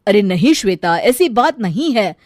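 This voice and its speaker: A woman doing a calm young husband. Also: medium pitch, normal speed, dry recording, clean studio sound, lightly acted.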